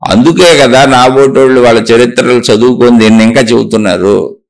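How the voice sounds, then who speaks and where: A man's voice: mid-range voice, brisk, vocal fry. A man, a spiritual teacher, giving an earnest spiritual talk, answering viewers' questions and telling a parable, with rhetorical questions along the way.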